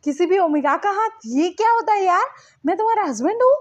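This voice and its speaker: A bewildered young husband, baffled and insistent, speaks in a raised, high voice, as a woman puts him on. The recording is a bit dull. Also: animated, brisk. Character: bewildered young husband, unrecognized by his spouse.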